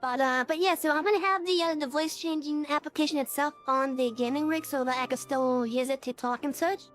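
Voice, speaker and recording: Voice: sits high, a little fast, fairly bright tone. A game streamer talking through a real-time voice changer in rambling casual chat, full of fillers and restarts.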